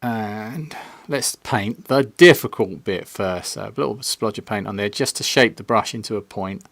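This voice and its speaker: Casting: man, lower pitch, dry close mic, relaxed self-mocking live-stream chat from a home workshop. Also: moderate pace, vocal fry, no echo. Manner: chatty, self-mocking, drops to near-whisper while concentrating. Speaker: maker streaming a pinball build. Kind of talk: casual live-stream chat while painting. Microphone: separate desk mic, not on camera.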